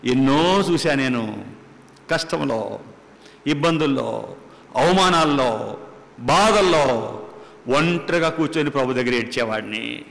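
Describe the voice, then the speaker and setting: A man preaching a sermon as pastor, with impassioned delivery that swings from loud calls to quiet asides. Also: mid-range voice, expressive, takes it slowly, creaky, pauses often. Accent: Telugu. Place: church hall. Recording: long hall reverb.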